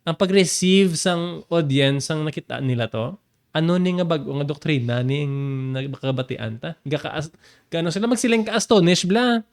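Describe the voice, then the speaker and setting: A male preacher, teaching scripture in an animated way. His voice sits a little higher than most men's and keeps leaping up for emphasis, broken by easy laughs. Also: normal speed. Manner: animated, laughs often, jumps up in pitch for emphasis. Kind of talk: Bible teaching.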